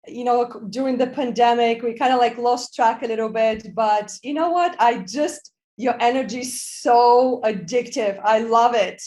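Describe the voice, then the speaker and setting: An upbeat, enthusiastic Pilates instructor from Bulgaria talks casually as a guest on a podcast interview. Her voice is fairly high with a darkish tone.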